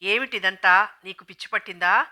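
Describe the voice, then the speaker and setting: A woman's voice: medium pitch, normal speed, sharp tone. A woman reading as a frightened, pleading wife. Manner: pleading, desperate. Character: frightened young wife pleading with her husband. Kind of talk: audiobook dialogue reading.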